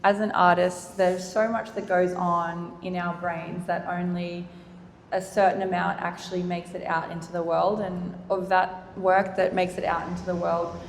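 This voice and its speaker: A woman's voice: fairly low pitch, level tone, normal speed. Australian woman, panel moderator, earnest and formal, roomy hall with long reverb, faint background noise. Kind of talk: public panel conversation. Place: gallery event space.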